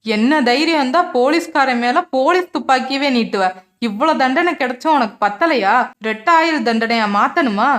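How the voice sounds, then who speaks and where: A woman's voice: high voice, fairly bright tone. A woman voicing a stern male police inspector who scolds and barks orders. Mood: angry. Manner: scolding, barking orders quickly.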